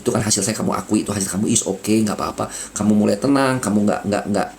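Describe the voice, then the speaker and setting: A man's voice: on the low side, fast talker, creaky, darkish tone, a little hiss or hum. A man giving casual spiritual coaching in a soothing way, repeating words and dropping in English phrases. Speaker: spiritual mentor.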